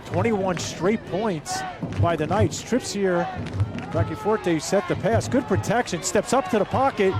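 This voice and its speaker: A man calling live American football play-by-play, his voice climbing and shouting into excited touchdown calls as plays break open. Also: high-pitched, measured pace, music in the background.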